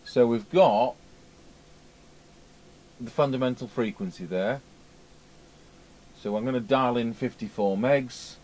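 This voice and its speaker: A radio repair technician presents a casual hands-on repair at an indoor workbench, thinking aloud and muttering to himself. He speaks slowly in a mid-range, slightly mellow voice, pausing often, with workshop sounds clearly heard behind him.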